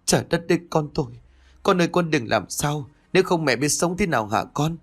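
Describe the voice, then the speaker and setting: A woman's voice: low-pitched, animated, a little fast, pitched above the performer's own voice. A man reading a story aloud and voicing a poor widowed farm mother who cries out in a wailing, sobbing way.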